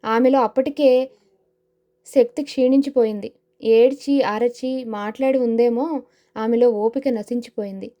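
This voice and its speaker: Mellow-voiced woman narrating horror. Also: on the high side, steady tone, a little slow, pauses often. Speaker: audio novel narrator.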